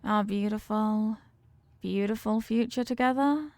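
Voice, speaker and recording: In an intimate romantic audio roleplay, a woman plays a confident mafia boss girlfriend, her medium-pitched, darkish voice unhurried and close to an everyday sound in a dry recording. She talks tough but tenderly, devoted and promising, using slangy pet names.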